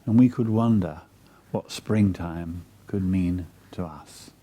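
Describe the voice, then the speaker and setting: Guiding a meditation at an unhurried pace, this man has a very dark, mellow, low voice that sounds soft, husky and breathy. He speaks soothingly in short, measured phrases separated by long pauses.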